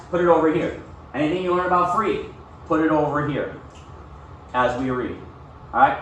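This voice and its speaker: In a slightly high, somewhat bright voice, a man teaching school reads aloud to his class and keeps checking in with short questions as he instructs. The mic is far away in an echoey room, picking up faint noise.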